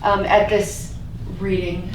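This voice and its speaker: At a staged reading, a woman hosts, introducing a poem and reading it aloud in a slow, level, mid-range voice. The room is echoey, the mic distant, and there's faint noise.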